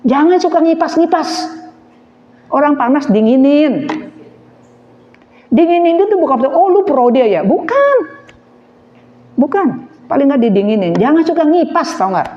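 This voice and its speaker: A woman preaching a sermon, animated, throwing questions at her listeners and slipping into slang. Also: high voice, moderate pace, long pauses, reverberant. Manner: animated, asks the audience questions, mixes in slang. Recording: dull lo-fi recording.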